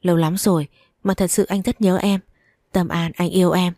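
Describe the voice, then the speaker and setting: A woman's voice: fairly low pitch, steady tone, normal speed, warm tone, dry recording, clean studio sound. A woman voicing an obsessive, pushy man who will not let his ex go, in a read-aloud story. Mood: pleading. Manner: insistent, pleading then menacing.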